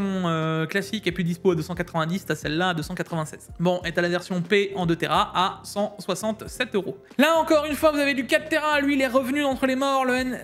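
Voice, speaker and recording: Brief: high-voiced man from Alsace, chatty tech-deals host, faint music underneath. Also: fairly bright tone. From Alsace, France. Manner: fast, chatty, slangy, laughs often. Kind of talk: casual deal rundown.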